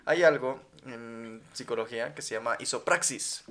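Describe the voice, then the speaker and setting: A young man with a Mexican accent, co-hosting a casual podcast chat, telling stories in an animated, slangy way and laughing easily. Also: medium pitch, moderate pace, a little hiss or hum. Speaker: podcast co-host.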